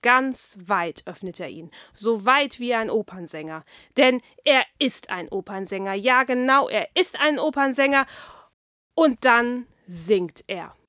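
A woman reading a children's story aloud in a lively, expressive way. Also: on the high side, measured pace, dry recording. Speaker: narrator.

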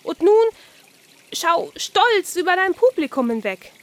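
A woman's voice: big pitch swings, a little slow, full character voice. Woman doing an overexcited bossy carp. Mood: exuberant. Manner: high, gushing, theatrical coaxing. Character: excitable male carp, bossy and over-the-top cheerful.

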